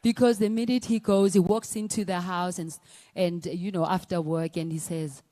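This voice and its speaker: A woman's voice: fairly low pitch, fairly even intonation, moderate pace, dark tone. A woman, a singer giving a personal testimony talk at a conference, hesitant, with many fillers and restarts. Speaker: singer and performer sharing her story.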